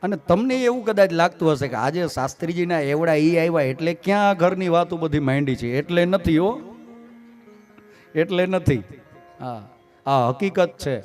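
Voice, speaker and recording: A man tells a devotional story to a live gathering in a folksy, joking manner. His voice sits a bit high. Faint instrumental music plays in the background. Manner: folksy, humorous, animated. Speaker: scripture storyteller.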